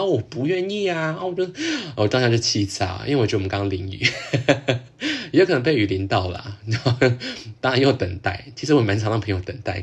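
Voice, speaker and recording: A man's voice: lowish voice, breathy edge. A man with a Taiwanese Mandarin accent, hosting a podcast and telling a story in casual chat, laughing often and acting out what others said. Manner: animated, laughs often, acts out quotes. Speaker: podcast host.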